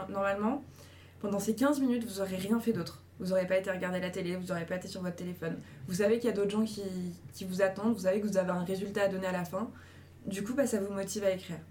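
A woman's voice: medium pitch, a little mellow, a little hiss or hum. A woman casually giving viewers encouraging advice, chatty and full of fillers. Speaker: host giving writing advice.

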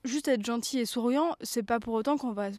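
A woman's voice: a little high, a little mellow, no echo. A woman co-hosting a travel podcast, giving her opinions in a casual chat. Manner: opinionated, quick to comment.

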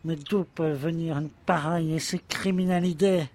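A man's voice: a little high, fairly even intonation, moderate pace, darkish tone, lightly acted. A man playing an adoring, anxious young lover in an amateur audio drama, talking tenderly and pressing for answers. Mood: pleading. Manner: tender, pleading, insistent. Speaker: voice actor.

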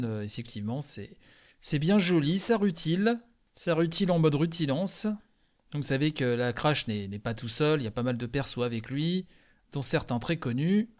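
A man hosting, chatting loosely with many fillers as he comments a live game showcase. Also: mid-range voice.

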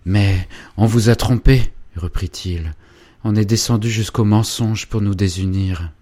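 Un jeune noble fougueux, lu par un homme, à la voix très grave qui s'élève et s'emporte pour convaincre celle qu'il aime dans un livre audio. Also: male voice, fairly low pitch, measured pace, pitched above the performer's own voice. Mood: suppliant. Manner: urgent, impassioned and loud. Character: ardent young nobleman pleading with his beloved.

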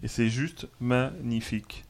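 A man's voice: mid-range voice, unhurried, creaky. A man talking casually on a podcast, rambling with many fillers and restarts as he describes something. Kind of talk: casual chat among friends.

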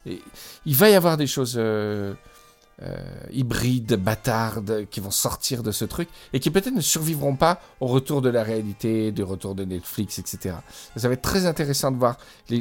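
A man's voice: medium pitch, lively intonation, moderate pace, soft background music. A man co-hosting a podcast in casual chat, talking enthusiastically with frequent hesitations, recorded over a Skype call. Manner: enthusiastic, hesitant with many fillers. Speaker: podcast co-host.

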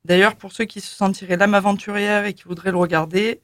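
A woman's voice: medium pitch, steady tone, brisk, dry recording, clean studio sound. A woman co-hosting a radio show, chatting casually with lots of fillers and laughter. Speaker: radio co-host.

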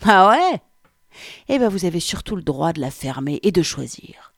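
A woman's voice: on the low side, very animated, moderate pace, no room sound, clean studio sound. A woman reading aloud, voicing a brash young female municipal police officer with a strong Landes accent and a crude, bossy way of talking. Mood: mocking threatening. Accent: southwestern French (Landes).

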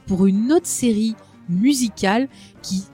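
A woman's voice: on the high side, measured pace, warm tone, soft background music. A woman co-hosting a casual podcast with a regional French accent, chatty and teasing, with many fillers. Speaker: podcast co-host. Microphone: headset.

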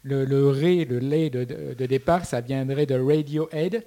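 A man's voice: mid-range voice, fairly even intonation, measured pace, warm tone. A man co-hosting a casual podcast, presenting his segment with many fillers and restarts. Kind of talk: casual chat.

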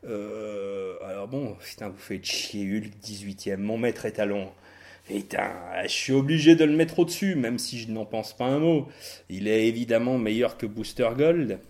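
A man hosting a casual podcast chat, animated and self-mocking, swearing freely. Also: fairly low pitch, normal speed. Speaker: podcast host.

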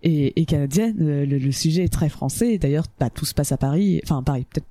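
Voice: mid-range voice, fast, mellow, dry recording. A panelist in a casual film discussion, speaking informally and rephrasing as they go.

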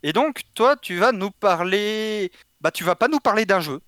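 A man's voice: high voice, expressive, moderate pace, a bit bright, no room sound. A man co-hosting a casual video game chat, joking and slangy, with lots of fillers. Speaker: game show co-host.

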